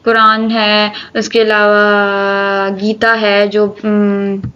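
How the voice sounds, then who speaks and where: A woman teaching English articles, reading example sentences slowly and explaining them briskly while checking that students follow. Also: medium pitch, completely flat delivery, a bit bright, a little hiss or hum. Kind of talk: grammar lesson explaining articles. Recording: dull lo-fi recording.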